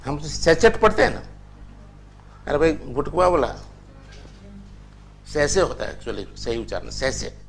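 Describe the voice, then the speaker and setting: A man's voice: on the high side, very animated, measured pace, long pauses. An older man teaching a language class, lecturing in a chatty way and telling anecdotes. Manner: chatty, anecdotal, tells stories with acted quotes.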